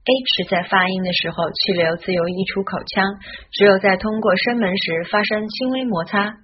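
A woman giving a scripted English pronunciation lesson in Chinese, spelling out letters and modeling each sound slowly. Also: mid-range voice, fairly even intonation, husky, muffled recording.

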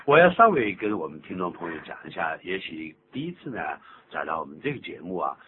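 An older man hosting a radio English lesson, explaining phrases in an animated, teacherly way. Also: low voice, fast talker. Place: radio studio. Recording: tinny lo-fi radio broadcast with faint hum.

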